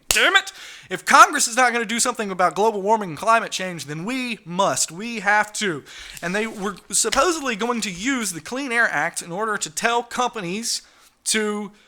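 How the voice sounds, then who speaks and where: Bright, high-voiced angry ranting man. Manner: indignant, sarcastic, swears and reads news aloud. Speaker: podcast host. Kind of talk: ranting political commentary.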